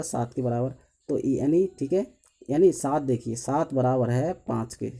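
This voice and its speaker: Here a man with a fairly high, mellow voice walks through an engineering drawing lesson one step at a time. Counting lines aloud as he sketches, he keeps saying "okay" after most steps and raises his own questions before answering them.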